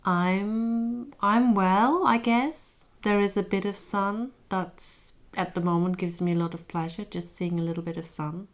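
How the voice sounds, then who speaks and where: A woman's voice: mid-range voice, steady tone, measured pace, hardly any pauses. A woman chatting casually in a hesitant, understated way, often trailing off. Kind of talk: casual chat.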